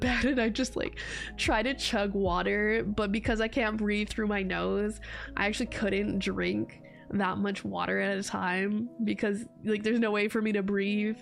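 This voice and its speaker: This is a young woman VTuber chatting casually on stream while recovering from a cold, so her mid-range, gravelly voice sounds stuffy and congested. She rambles and laughs a lot.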